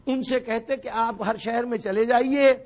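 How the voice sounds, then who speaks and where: A man's voice: very high-pitched, steady tone. A man giving a sermon-style lecture as a religious orator at a mourning gathering. He explains carefully and presses his point with pointed rhetorical questions.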